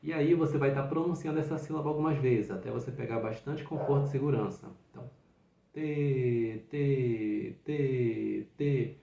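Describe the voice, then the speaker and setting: A man teaches flute articulation, walking through each step with patient encouragement. His voice sits at a middle pitch. The room around him rings with noticeable echo. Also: steady tone, fast talker, gravelly, hardly any pauses, mellow. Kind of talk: instructional video. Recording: roomy echo.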